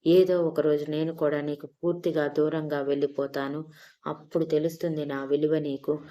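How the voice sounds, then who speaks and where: A woman's voice: sits low, flat delivery, moderate pace, mellow, close to an everyday voice. A woman voicing a young woman in love who pleads and scolds in an emotional way, in an audio story. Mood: reproachful.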